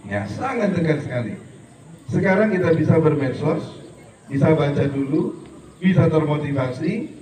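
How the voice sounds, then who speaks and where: A man's voice: on the high side, a little mellow, slight background noise. A middle-aged man giving a humorous religious lecture at a school event, joking, mimicking regional dialects and urging students to keep growing. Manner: jokey, mimics regional dialects in quoted bits; preachy, motivational to students. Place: school hall. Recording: echoey hall, voice from far off.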